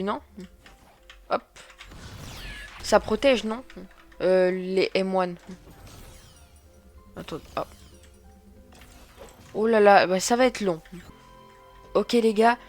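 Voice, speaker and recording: A man giving excitable, chatty let's play commentary, often repeating words as he plays. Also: high voice, slow pace, long pauses, faint music behind. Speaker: gaming video creator.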